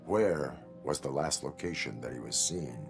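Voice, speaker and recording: A male actor with a bass voice plays a stern cyborg police officer in a video game, using stiff, formal, by-the-book lines. He talks at normal speed with vocal fry, and music plays underneath.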